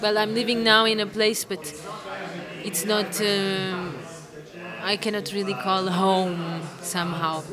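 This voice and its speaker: A woman's voice: mid-range voice, flat delivery, slow. Woman, hesitant amateur musician being interviewed, chatter in the background. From Portugal. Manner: hesitant, many fillers and restarts. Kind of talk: casual interview answers. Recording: crowd chatter behind.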